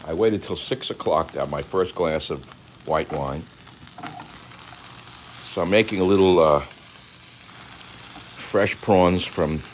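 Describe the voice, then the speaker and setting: An older man talking casually while he cooks in his home kitchen, rambling and combative, swinging between calm remarks and angry outbursts. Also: very deep voice, slight background noise, low-quality recording. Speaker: commentator. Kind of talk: casual monologue while cooking.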